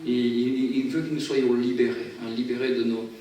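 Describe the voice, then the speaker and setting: A man's voice: mid-range voice, fairly even intonation, moderate pace, mellow. A chatty man talks to a church gathering, stumbling and repeating words as he goes. His voice is far from the mic and rings through a very echoey hall, with faint noise behind it. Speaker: guest singer at a church. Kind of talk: casual spoken introduction to a song.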